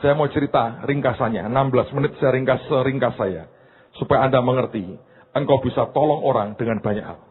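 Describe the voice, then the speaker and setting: A man's voice: medium pitch, brisk, breathy edge. A male pastor giving a sermon, exhorting with rising emphasis and retelling a story to the congregation. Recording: tinny phone-like sound.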